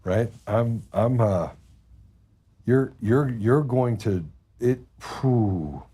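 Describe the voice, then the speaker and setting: A man's voice: medium pitch, very slow, mellow, breathy edge. A man hosting a political talk show, blunt and heated, often repeating words as he gets going.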